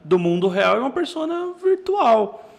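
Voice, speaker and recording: High, gravelly-voiced male podcast host. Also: moderate pace. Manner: brief agreeing replies, relaxed slang. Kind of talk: casual podcast conversation.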